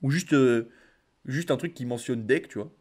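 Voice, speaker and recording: A man's voice: medium pitch, normal speed, darkish tone. Casual young man reviewing cards. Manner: reads card text then comments casually with slang. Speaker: card game content creator. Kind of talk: casual card review reading.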